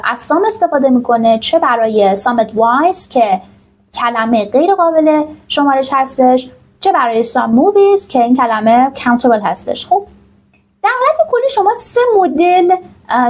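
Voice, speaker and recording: Female english teacher, persian speaker, fairly high voice, patient explaining pace, drawn-out example sentences. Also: lively intonation, darkish tone, poor audio. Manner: explains slowly with many fillers, says English examples slowly and carefully.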